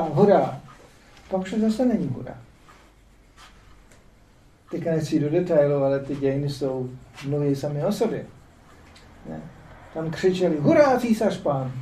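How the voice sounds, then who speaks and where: A man's voice: fairly high pitch, mellow. An older man from the Czech Republic lecturing on scripture as a spiritual teacher, with ironic, rhetorical asides. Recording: roomy echo, distant mic.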